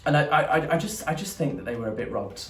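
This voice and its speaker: A man's voice: on the high side, lively intonation, fast. A man with a sassy, bantering drag queen manner, chatting casually as he gives a review. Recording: echoey room, distant mic, music behind.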